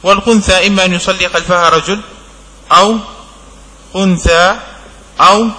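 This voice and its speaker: A man teaching a religious law text in a classroom lesson, speaking in slow, broken-up phrases and checking understanding with short questions. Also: high-pitched, fairly even intonation, bright, forceful tone, big-room sound, poor audio. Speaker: sheikh teaching a fiqh text.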